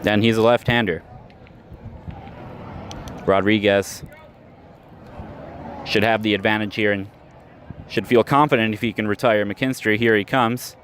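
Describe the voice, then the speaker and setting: A male radio announcer calls a baseball game play by play, live at an outdoor ballpark. He stays steady and measured, dropping in stats between pitches, and his voice rises sharply on big plays, with clear crowd noise in the recording.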